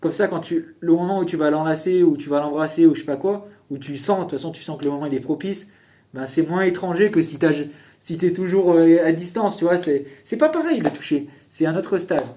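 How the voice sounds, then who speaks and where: A man's voice: on the high side, animated, brisk, mellow. A young man casually telling a personal story in a chatty, meandering way.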